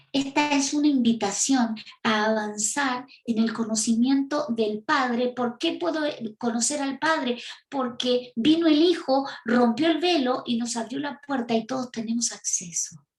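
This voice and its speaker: A woman with an Argentine accent preaching a teaching sermon, emphatic and full of rhetorical questions. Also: fairly high pitch. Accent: Argentine Spanish. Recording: echoey room.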